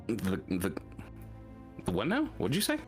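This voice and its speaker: Man, tabletop player, low voice, playful, music behind. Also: wildly swooping pitch, a little slow. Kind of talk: casual chat at a game table.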